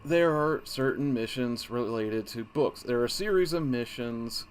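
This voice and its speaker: A man's voice: mid-range voice, measured pace, a little hiss or hum. A man hosting a casual game walkthrough, rambling and easily sidetracked, often breaking off mid-thought. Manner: rambling, easily distracted, self-interrupting. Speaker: gaming channel host.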